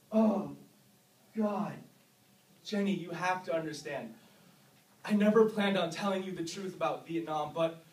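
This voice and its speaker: Sitting high in pitch with an exaggerated voice, a twenty-something man delivers a monologue as a tormented young Vietnam veteran who sounds broken and pleading. He alternates between hushed and explosive, intense and halting. The far camera mic in the classroom gives a roomy, faintly noisy sound.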